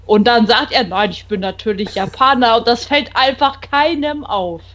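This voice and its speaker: A woman's voice: a little high, moderate pace, fairly bright tone. Blunt woman in casual chat. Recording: dull lo-fi sound.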